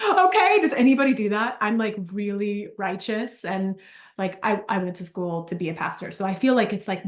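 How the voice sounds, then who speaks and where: A woman's fairly high voice carries through a reverberant space as she coaches a live business workshop. Originally from Argentina, she tells lively, chatty stories and keeps wandering into asides.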